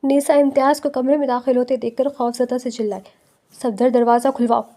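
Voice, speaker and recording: A woman reads a romance novel aloud in a steady storytelling manner. Her voice sits high, but its tone is dark and mellow. It is scripted narration.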